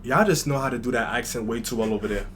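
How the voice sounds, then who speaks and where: A New York man hosts a music reaction video, chatting casually and thinking aloud with fillers like "like" and "you know." His mid-range voice is quick and fairly bright, with a little hiss or hum in the recording.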